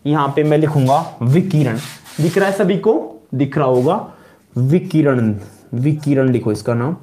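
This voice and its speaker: A man's voice: a little high, unhurried, mellow, a little hiss or hum. A man with a Rajasthani-tinged Hindi accent teaching a college chemistry class, repeating each term and quizzing his students. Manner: repetitive call-and-response questioning, calls students "beta". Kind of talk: classroom lecture.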